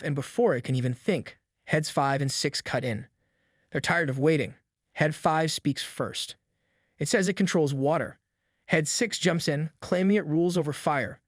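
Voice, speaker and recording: Guy narrating a recap, kinda high voice, dead dry sound, steady storytelling. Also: no room sound. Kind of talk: scripted narration.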